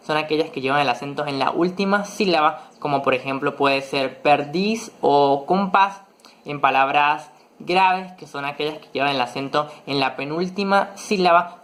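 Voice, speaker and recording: A presenter giving a virtual lesson on spelling rules in a measured, methodical way, pausing now and then on short fillers. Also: medium pitch. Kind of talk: explanatory lecture, partly read.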